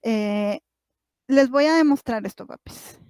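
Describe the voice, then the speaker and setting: High-voiced woman coaching parents. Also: a little slow, clean tone, dry recording. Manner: warm coaching tone, addresses parents directly with rhetorical questions. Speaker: psychologist giving a parents' talk. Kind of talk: school parent workshop talk.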